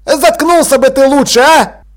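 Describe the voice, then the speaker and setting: A hot-tempered schoolboy who yells and picks fights, as a man puts him on. The voice is pushed high and loud above the reader's own. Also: normal speed. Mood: angry. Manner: yelling. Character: angry brawling boarding-school boy.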